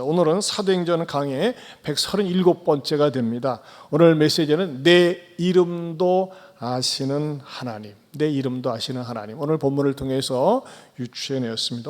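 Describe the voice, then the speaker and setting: High-voiced man preaching in a reverberant hall. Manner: animated, rhetorical questions to the congregation. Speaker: pastor. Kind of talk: sermon. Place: church sanctuary. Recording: long church hall reverb.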